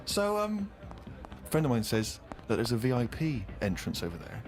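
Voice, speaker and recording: A man's voice: medium pitch, huge pitch swings, moderate pace, soft background music. A man, a podcast co-host, telling a self-deprecating comic story and acting out other people's lines.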